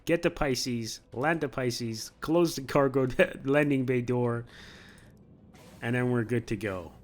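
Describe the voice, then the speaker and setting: A man's voice: mid-range voice, takes it slowly. Man narrating his gameplay, chuckling. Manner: talks himself through careful maneuvers, chuckling. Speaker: gameplay video host. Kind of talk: casual gameplay commentary.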